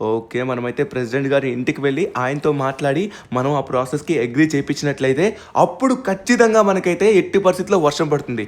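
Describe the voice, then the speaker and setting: A young man hosting a gaming channel, narrating a game story with excited exclamations. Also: medium pitch, quick pace. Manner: excitable, exclaiming, reacting aloud.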